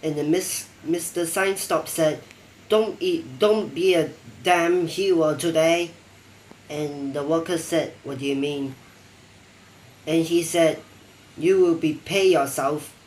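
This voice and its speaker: A man telling a rambling mock-documentary story in halting, non-native phrasing, acting out quoted lines. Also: on the high side, steady tone, slight background noise. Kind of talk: improvised storytelling narration.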